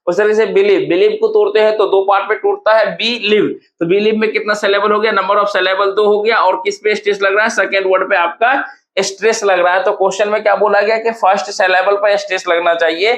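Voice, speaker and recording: High-voiced man teaching exam prep. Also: fairly bright tone. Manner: explains step by step with repeated questions.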